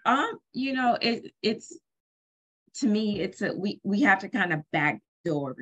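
A woman's voice: mid-range voice, expressive, a little slow, a bit bright, husky, lo-fi sound. A woman co-hosting an interview, thoughtful and restarting words as she works out her point. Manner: thoughtful, repeats words while thinking. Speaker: co-host. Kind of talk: interview discussion.

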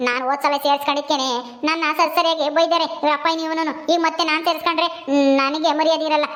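A woman's voice: sits high, flat delivery, quick pace, fairly bright tone. A woman voicing a village mother-in-law who gives in to her son's decision. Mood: resigned.

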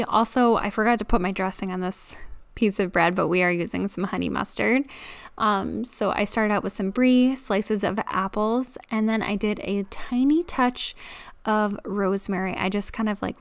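Young adult woman, casual cook-along narrator, chatty and relaxed, dry booth-close sound. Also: mid-range voice, dry recording. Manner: chatty, relaxed, filler-heavy, self-deprecating. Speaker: cooking vlogger.

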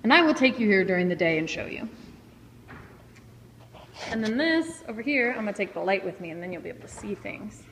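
This vlogger, a woman in her thirties, playfully chats her way through her big, empty new house on a handheld phone camera held at arm's length. She speaks in a mid-range, expressive voice, a little fast, with long pauses. Background noise and the echo of the bare indoor room come through.

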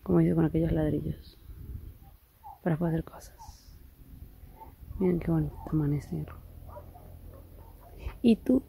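A young woman vlogs casually from her rural house, her voice low and weak from illness, often half-whispering and cooing at dogs. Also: fairly even intonation, unhurried, gravelly, pauses often, warm tone, a little hiss or hum. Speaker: vlogger. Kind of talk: casual vlog narration. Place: rural house, partly outdoors.

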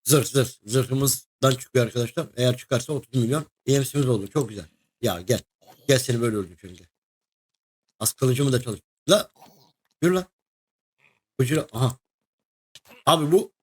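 A young man narrates his gameplay in a loose, chatty way. He is excitable and keeps calling out to the creatures he fights and to his co-player, in a mid-range voice. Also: medium pitch, moderate pace, pauses often. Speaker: gaming video host. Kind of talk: casual let's-play commentary.

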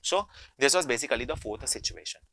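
A man's voice: mid-range voice, animated, quick pace, gravelly, sharp tone, no echo. A young man with an Indian accent teaching a lesson, mixing Hindi and English mid-sentence and repeating key phrases as he works through problems. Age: young adult. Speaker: accounting teacher. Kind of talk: instructional lecture working through problems.

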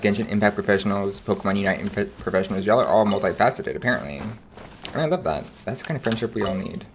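Animated, slangy young man streaming. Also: fairly low pitch, fast talker, a little hiss or hum. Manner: animated and slangy, chatting to viewers. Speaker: game streamer. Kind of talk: casual livestream chat.

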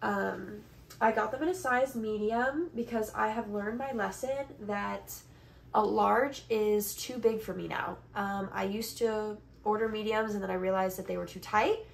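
Her voice is mid-range with vocal fry and a measured pace as this young vlogger in her twenties, congested from allergies, talks informally through a haul in her bedroom. The phone camera sits at arm's length or beyond, and background noise is noticeable.

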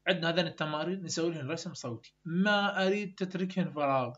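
Quick urgent Iraqi-accented man teaching. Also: fairly high pitch, fairly bright tone. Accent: Iraqi Arabic. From Iraq. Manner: urgent, exhorting students, mixes English terms. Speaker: university English tutor. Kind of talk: exam-review lecture. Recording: dull, lo-fi recording.

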